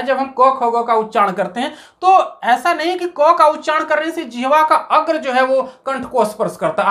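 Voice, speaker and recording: Step by step, a woman explains Hindi grammar in a voice that sits high and sounds a bit bright. She slowly recites letters of the alphabet and poses questions that she then answers herself.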